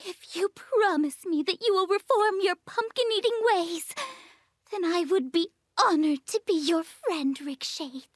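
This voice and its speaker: A woman's voice: extremely high pitch, a little slow, no echo, studio quality. A woman voicing an earnest, prim seventh-grade girl who talks formally and turns tearful easily. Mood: tender. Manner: formal, polite, prone to tearful outbursts.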